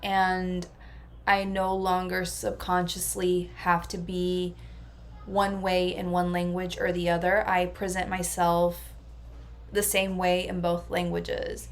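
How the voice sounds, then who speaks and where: A woman who coaches people on personal transformation speaks in a casual vlog monologue, earnest and reflective. Her voice is lowish and monotone, her pace slow, and her delivery level.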